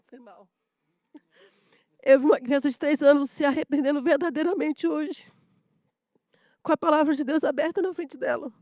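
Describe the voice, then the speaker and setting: A woman's voice: on the high side, darkish tone, dry recording, clean studio sound. A woman from a school staff, sharing heartfelt stories at a round table, full of fillers and moved to tears at moments.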